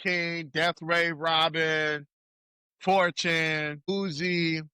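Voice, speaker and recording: A man's voice: a little high, little pitch movement, very slow, pushed and bright, smooth, dry recording. A man in his thirties from South Carolina with a Southern US accent, a rapper guest chatting casually in an interview, laid-back and repeating his words. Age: 30s.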